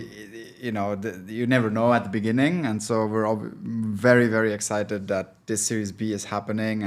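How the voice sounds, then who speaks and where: A low-voiced man from Switzerland, a venture capital partner appearing as a guest, talks casually in an interview. He sounds thoughtful and hesitant, with many filler sounds.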